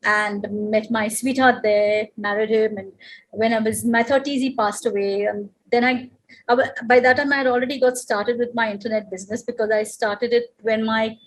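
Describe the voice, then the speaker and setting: A woman's voice: a little high, fairly even intonation, moderate pace, low-quality recording. A middle-aged woman from India, talking as a guest on a video call in a chatty way, with many fillers and restarts. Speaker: guest speaker.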